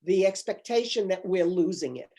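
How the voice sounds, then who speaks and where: An older woman speaks in a low, mellow voice, sounding unhurried and reflective. She is a guest author on a video call interview, telling stories and stressing her points. Her tone stays soft and warm rather than sharp. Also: animated. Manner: thoughtful, storytelling, emphatic. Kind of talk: conversational interview.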